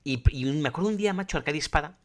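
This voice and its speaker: A man from Spain, co-hosting a casual podcast chat and telling animated stories with frequent laughs. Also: a little high, rapid-fire. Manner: animated storyteller, laughs often. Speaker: podcast co-host.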